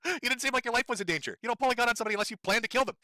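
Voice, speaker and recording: A man hosts a commentary livestream, cursing freely and mocking his subject with sarcastic jabs. His high, bright voice comes across dry and close, and he talks fast. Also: no room sound. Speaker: livestream host. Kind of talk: commentary stream.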